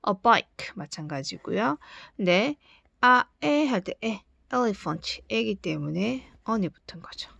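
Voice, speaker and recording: Woman, grammar teacher, patient step-by-step lecture, gravelly voice, dry close sound. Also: medium pitch, animated, slow pace, fairly bright tone, no echo. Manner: patient, explains step by step, asks rhetorical checks. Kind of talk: recorded lesson lecture.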